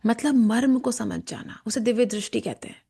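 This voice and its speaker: A woman teaching a guided meditation, explaining chakras in a calm, slow way and softly chanting devotional verses, sometimes in a whisper. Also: a little high, gravelly, breathy edge. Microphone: camera and mic in front of her.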